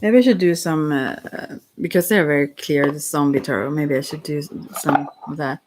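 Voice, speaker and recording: A soft-spoken ASMR tarot reader who talks gently and directly to the listener, meandering through pauses and restarts. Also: mid-range voice, a little hiss or hum.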